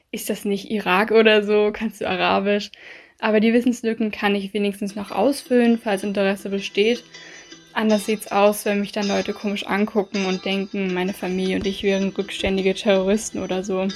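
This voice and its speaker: A woman tells her story in a composed, measured interview voice. Her pitch stays level and even, hardly rising or falling, at a middle height for a woman. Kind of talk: calm interview account.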